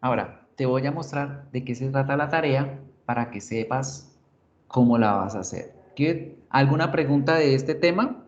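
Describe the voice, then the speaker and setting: A man teaching an online English class, explaining slowly and checking in with short questions. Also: medium pitch, dull audio, a little hiss or hum.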